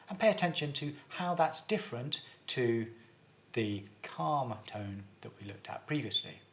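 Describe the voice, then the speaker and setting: A male drama teacher explains vocal technique in a clear, instructive way. He leads his students step by step through warm-ups and exercises, at a medium pitch. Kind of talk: video lesson.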